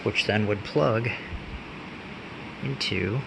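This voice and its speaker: Speaking off the cuff in a lowish, gravelly voice, this man demonstrates a gadget casually, stopping and starting while he handles things. Constant background hum and noise are noticeable throughout.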